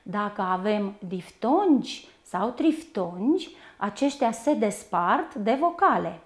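A woman teaching a primary school lesson, speaking slowly and carefully and spelling words out syllable by syllable. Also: mid-range voice, very animated.

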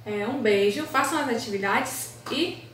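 A high, bright-toned woman with a Brazilian Portuguese accent teaches young children in a recorded lesson. She stretches each word out slowly and sings it, and keeps turning to the class with questions. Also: slight background noise. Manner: stretches out words and syllables, sing-song, asks the class questions. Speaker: primary school teacher.

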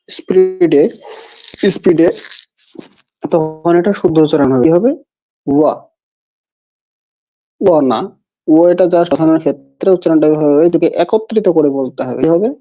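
A man's voice: a little high, warm tone. A man teaching the pronunciation of a sacred text. He repeats the syllables patiently for the learner to copy. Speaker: Vedic mantra pronunciation teacher. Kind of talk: pronunciation lesson. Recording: dull lo-fi recording.

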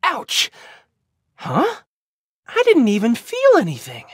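A woman voicing a plucky, excitable young gingerbread boy hero in a video game, eager and exclamatory. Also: on the high side, slow pace, husky, no echo, studio quality, heavily acted. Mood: dazed. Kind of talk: video game cutscene voice acting.

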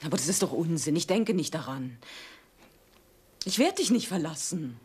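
A scared pleading wife, very breathy husky voice, lively pitch. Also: female voice, moderate pace, exaggerated voice. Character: frightened wife pleading with her husband. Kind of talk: 1980s TV crime drama acting.

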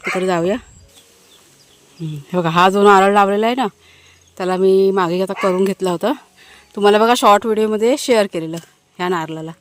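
A woman's voice: medium pitch, fairly quick, pauses often. A woman family vlogger chatting casually to her viewers while she works outdoors in a village garden, talking fondly to her dogs, recorded on a handheld phone.

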